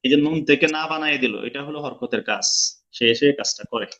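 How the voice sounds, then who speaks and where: A man's voice: mid-range voice, fast talker, a bit bright, muffled recording. A man teaching an online lesson, explaining step by step and quizzing his students. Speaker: Quran recitation teacher.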